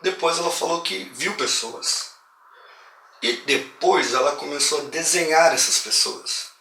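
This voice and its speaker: A man with a Brazilian accent casually retelling a horror film plot, slangy and animated. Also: fairly high pitch, unhurried, vocal fry, far from the mic. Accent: Brazilian Portuguese. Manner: slangy, animated retelling that acts out quoted lines. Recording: roomy echo, voice a bit off-mic, faint hiss.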